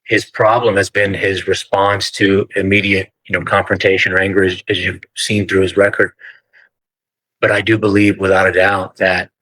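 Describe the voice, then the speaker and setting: A man arguing formally in court as a defense attorney, measured and deferential to the judge. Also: sits low, flat delivery, fairly bright tone, dry recording, poor audio.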